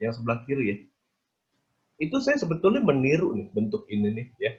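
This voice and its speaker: Lively man lecturing over muffled call. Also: mid-range voice, a little fast. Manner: quizzes the audience, tag questions, casual explaining. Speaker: design lecturer presenting his book. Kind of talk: interactive lecture.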